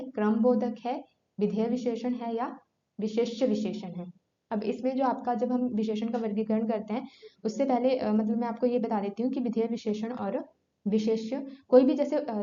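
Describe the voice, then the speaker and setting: Woman teacher going over grammar questions, slightly high voice, roomy dull recording. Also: dark tone. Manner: explanatory, rhetorical questions answered herself. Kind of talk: exam-prep grammar lesson. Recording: echoey room, dull lo-fi sound.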